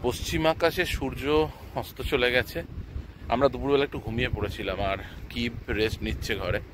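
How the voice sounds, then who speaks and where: A man's voice: medium pitch, lively intonation, fairly quick. A man giving casual, unscripted travel vlog narration outdoors, repeating and rephrasing as he explains, with wind on the mic. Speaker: travel vlogger. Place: open sea beach outdoors, in the wind. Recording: windy outdoor noise on mic. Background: wind and outdoor ambience.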